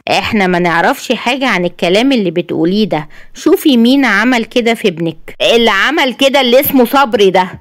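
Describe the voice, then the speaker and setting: A woman's voice: on the high side, lively intonation, quick pace, dry recording, clean studio sound, lightly acted. Woman as an evasive Egyptian headmistress. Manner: smooth and threatening. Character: evasive school principal, a woman.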